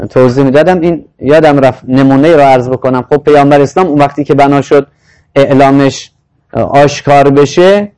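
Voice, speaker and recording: A man giving a sermon on Quranic verses, reciting the Arabic lines slowly and then explaining them in conversational speech. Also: mid-range voice, darkish tone, clear, resonant tone, rough recording. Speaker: Quranic lecturer.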